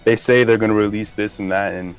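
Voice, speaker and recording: Man, lowish voice, casual podcast co-host, stammery and chatty, faint music under. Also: fairly even intonation, smooth, rough recording. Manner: halting, repeats words, laughs often. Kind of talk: casual gaming chat.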